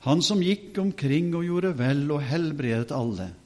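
A man's voice: a little high, lively intonation. A man voicing the apostle Peter, giving an earnest, testifying speech. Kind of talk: reading a scripture speech.

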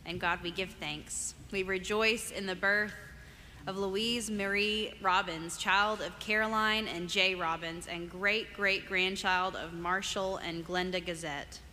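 A woman leads church prayer as a minister, solemn and measured. She speaks slowly, phrase by phrase, in a medium pitch. Her words ring out with a long cathedral echo over noticeable background noise. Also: steady tone, pushed and bright. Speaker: minister leading congregational prayer. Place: large church sanctuary.

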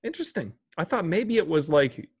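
A man's voice: fairly high pitch, sing-song, fairly quick, creaky, breathy edge, dry recording. A man hosting a casual chat, curious and playful, stumbling over Spanish words while reading from an article. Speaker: host.

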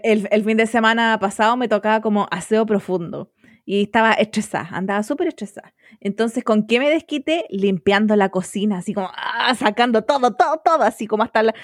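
Relaxed Chilean woman co-host, fairly high voice, dry close sound. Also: fairly quick, no echo. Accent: Chilean Spanish. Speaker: podcast co-host. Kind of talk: casual chat.

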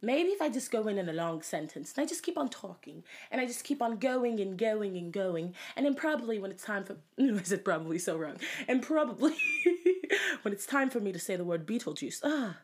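A woman's voice: mid-range voice, sing-song, a little fast, darkish tone. A young woman hosting a casual solo podcast, chatty and giggly, sometimes dropping into a whisper. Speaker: podcast host.

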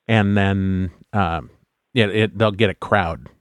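A man with a fairly low voice hosts a podcast interview, chatting easily and stopping often to find his words. His voice is recorded close and dry, with no room sound around it. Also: no room sound. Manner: relaxed, halting, lots of fillers. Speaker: podcast host. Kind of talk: casual interview chat.

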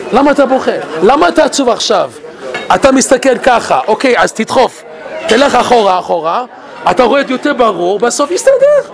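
A man giving an animated Torah talk. He laughs often and asks many rhetorical questions. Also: sits high, gravelly. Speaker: Torah teacher.

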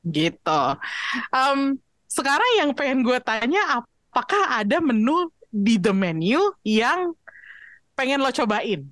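A woman hosting a casual film chat, expressive and chatty, slipping English phrases in. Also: high-pitched, slow, no echo. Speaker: podcast host asking questions.

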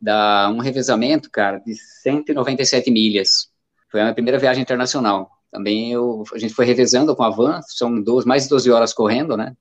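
Fast-talking man in his fifties, rambling. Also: mid-range voice. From Brazil. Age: 50s. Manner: rambling, storytelling, many fillers. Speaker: amateur runner guest. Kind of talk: casual interview chat. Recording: dull lo-fi sound.

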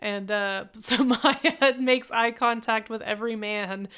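Woman, young adult, podcast co-host, chatty recap, laughs often, smooth clear voice. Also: a little high, fairly even intonation, takes it slowly, a bit bright. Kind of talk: casual chat.

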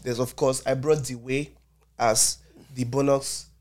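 A young man with a Nigerian accent, an Afrobeats artist guest chatting casually about his music, animated and slipping into Pidgin. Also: mid-range voice, unhurried. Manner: animated, mixes in Nigerian Pidgin, laughs often. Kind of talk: casual podcast conversation.

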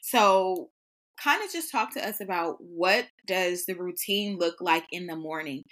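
A woman's voice: lowish voice, measured pace, fairly bright tone. A woman hosting a podcast, talking reflectively and affirming her guest, speeding up as she makes her points. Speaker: podcast host.

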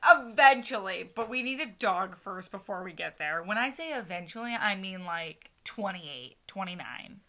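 Bubbly bright-voiced young woman chatting. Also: mid-range voice, expressive. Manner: giggly, playful, quick to joke. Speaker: podcast host. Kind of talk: casual chat. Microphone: tabletop podcast mic.

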